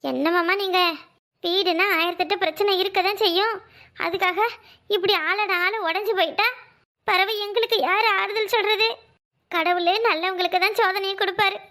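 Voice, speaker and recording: A woman's voice: very high voice, steady tone, moderate pace, bright, forceful tone. A woman voicing a caring, motherly village housewife in a cartoon, speaking in a soothing, pleading way. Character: kind caring village housewife, middle-aged. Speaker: cartoon voice actor. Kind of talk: cartoon voice acting.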